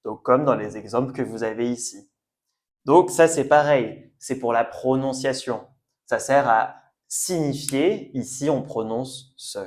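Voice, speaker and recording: A man teaching a French pronunciation lesson, slowly repeating each word for learners. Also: mid-range voice, darkish tone. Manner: slow, careful, repeats words for learners. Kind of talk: language lesson at a whiteboard.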